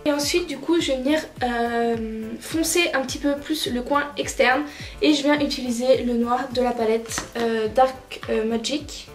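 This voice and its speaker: A woman narrating a makeup tutorial as a vlogger, chatty and relaxed with lots of filler words. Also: on the high side, measured pace. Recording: roomy echoey room, faint music.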